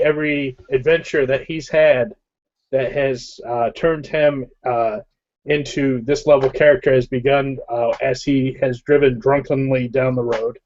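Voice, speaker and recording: A man reads out his character's background as a player in a tabletop game, measured and dotted with ums. His voice sits a little high. The sound is dull and lo-fi. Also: darkish tone.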